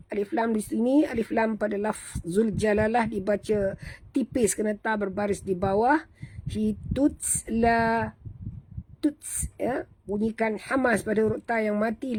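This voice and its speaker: Slow, methodical Malaysian woman teacher. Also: fairly high pitch, darkish tone, a little hiss or hum, rough recording. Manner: methodical, correcting pronunciation, chants verses in slow drawn-out tones. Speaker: Quran recitation teacher. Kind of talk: tajweed lesson.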